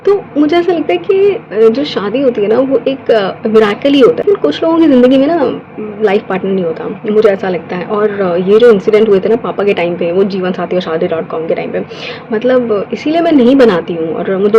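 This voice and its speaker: A woman's voice: a little high, animated, brisk, muffled recording, a little hiss or hum. A young woman telling funny family stories in a casual, chatty vlog, with lots of fillers and quoted dialogue. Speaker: vlogger. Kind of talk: casual storytelling.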